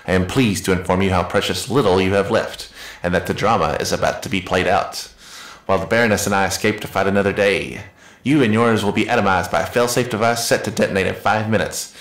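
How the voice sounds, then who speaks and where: A man's voice: fairly low pitch, steady tone, quick pace, echoey room, natural voice. A man reading a gloating villain commander. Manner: reads comic dialogue aloud, formal and menacing wording.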